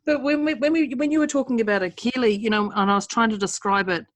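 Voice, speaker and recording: A woman's voice: on the high side, quick pace. A woman with a New Zealand accent chatting casually as a podcast co-host, giggly, blunt and self-deprecating. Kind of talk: casual chat.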